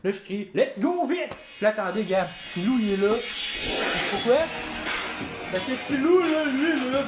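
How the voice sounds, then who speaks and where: A man's voice: high-pitched, lively intonation, normal speed, loud music behind the voice. A man with a Québécois French accent, a rapper chatting casually on a livestream and freestyling, rambling and swearing often.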